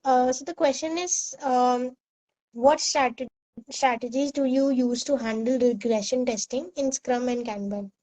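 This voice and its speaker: Mellow, high-pitched woman hosting. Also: fairly even intonation, measured pace, rough recording. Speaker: host taking audience questions. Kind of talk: casual live Q&A moderation.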